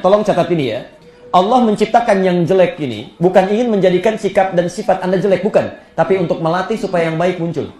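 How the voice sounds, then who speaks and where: An Indonesian male Islamic preacher giving an animated sermon, reciting Arabic verses slowly and telling stories with rising, emphatic peaks. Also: fairly high pitch, reverberant.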